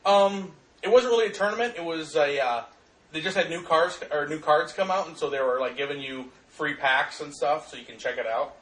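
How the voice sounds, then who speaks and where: A man with a somewhat high voice riffs in crude, excitable jokes while chatting with friends over a video. He sits a little way from the mic, and the room adds a roomy echo. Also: a little fast. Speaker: commentator. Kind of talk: casual chat watching a video. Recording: echoey room, far from mic.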